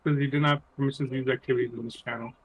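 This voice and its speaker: A man's voice: medium pitch, level tone, very fast, muffled recording. A man playing a tabletop game, chatting casually in a hesitant, questioning way.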